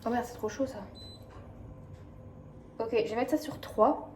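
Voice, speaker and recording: A woman's voice: fairly high pitch, unhurried, darkish tone. Rambling young woman in an echoey kitchen. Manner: rambling, filler-heavy, self-mocking. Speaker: vlogger. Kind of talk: casual vlog chat. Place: home kitchen. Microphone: phone camera mic. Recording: echoey room, faint noise.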